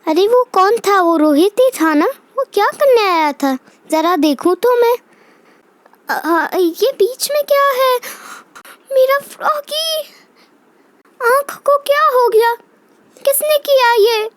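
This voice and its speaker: A woman voicing a chatty, bossy young girl in a toy doll play, in a slow sing-song childlike way. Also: very high voice, lively intonation, no echo.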